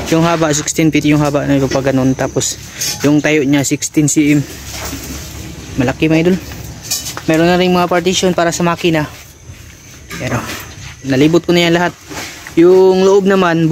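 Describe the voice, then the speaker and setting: A man's voice: a little high, a little mellow, rough recording. A man casually vlogging outdoors beside a boat under construction, chatting to his viewers and calling them idol again and again. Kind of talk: casual vlog walkthrough. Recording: outdoor recording with clear background noise.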